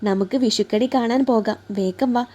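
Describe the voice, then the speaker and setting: A woman's voice: a little high, moderate pace, natural voice. A woman reading an audio love story, voicing a sweet young wife urging her husband to hurry up. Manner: soft, urging.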